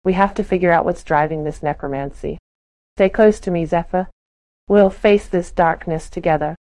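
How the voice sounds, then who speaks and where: Woman reading as a protective elf druid lady, low warm voice, dry close mic. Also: moderate pace, no room sound, close to an everyday voice. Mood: resolute.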